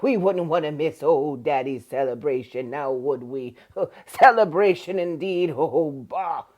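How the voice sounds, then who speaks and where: A drag queen doing Ursula, the low, sneering sea witch. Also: unhurried, a little mellow, muffled recording. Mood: mocking. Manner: low, sneering and theatrical, with cackling laughs. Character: scheming sea witch villain, older woman, mocking.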